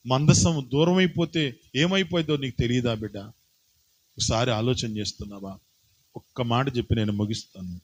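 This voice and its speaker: A man preaching a sermon as a pastor, repeating phrases slowly for emphasis and breaking into sudden high, forceful bursts while calling on the congregation to answer. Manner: slow, emphatic repetition of phrases.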